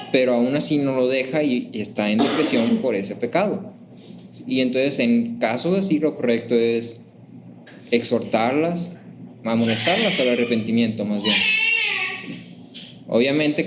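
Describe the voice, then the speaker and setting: A man teaching a church class in a conversational, lively way. He asks the class questions and acts out sample phrases in a raised voice. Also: medium pitch, noisy background.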